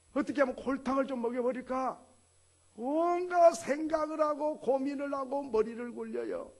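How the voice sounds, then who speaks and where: A male pastor preaching a sermon with a high voice that has a gravelly, creaky edge. His tone is husky rather than clean. He talks to the congregation conversationally and keeps asking them rhetorical questions.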